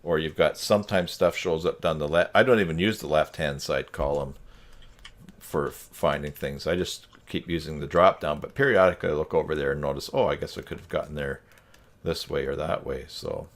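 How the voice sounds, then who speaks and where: On a group video call during a web tutorial livestream, a participant with a very deep voice thinks aloud in a rambling, tentative way. He speaks a little fast in this casual conversation.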